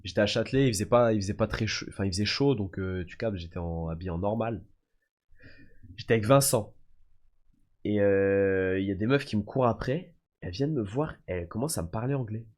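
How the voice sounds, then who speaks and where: A man's voice: on the low side, fairly quick, darkish tone. A young French man streaming live, telling stories to his viewers in a slangy, casual way, calling them "les gars" and "frère". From France. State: often sick. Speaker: livestreamer. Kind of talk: casual storytelling chat.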